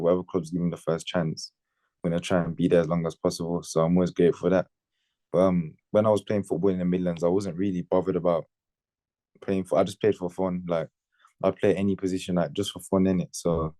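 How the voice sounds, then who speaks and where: This young man, a footballer in his late teens from Birmingham, England, talks a little fast in a deep, dark voice with hardly any change in pitch. He's relaxed and slangy in the interview, tossing in "innit" and "you know what I mean." There's no echo on the recording.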